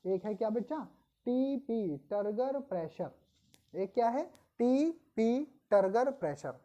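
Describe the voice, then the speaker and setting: A woman teaching biology for an exam-prep class, reading English definitions slowly and explaining them in Hindi, asking the class questions and answering them herself. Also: mid-range voice, dark tone. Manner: addresses students as "beta". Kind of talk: online coaching lecture in Hindi mixed with English terms.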